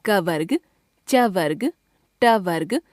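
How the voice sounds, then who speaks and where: A woman of middle pitch reads a textbook lesson aloud, slowly and deliberately. She spells out each letter and example one by one. The sound is dry and close, with no room around it. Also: lively intonation, darkish tone, dry recording. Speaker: teacher.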